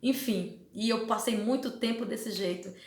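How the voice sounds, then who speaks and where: A woman's voice: mid-range voice, unhurried, darkish tone. A woman giving a personal religious testimony at church, emotional and repeating phrases for emphasis. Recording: echoey hall.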